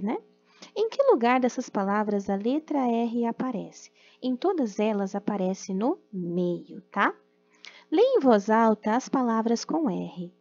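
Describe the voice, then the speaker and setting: A woman teacher with a Brazilian Portuguese accent, giving a recorded class to young children, patient and sounding out words slowly with many diminutives. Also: fairly high pitch, no echo. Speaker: primary school teacher. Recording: dull lo-fi audio with faint music.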